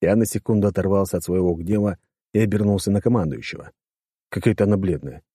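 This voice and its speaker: A man's voice: deep voice, quick pace, mellow, husky, no room sound, clean studio sound. A man reading a first-person audiobook in a casual, crude, wisecracking manner. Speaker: audiobook narrator.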